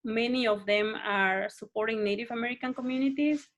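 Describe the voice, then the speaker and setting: A woman's voice: a little high, brisk. Peruvian-born woman, hesitant panelist. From Peru. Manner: hesitant, searching for words. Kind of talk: panel discussion on a video call.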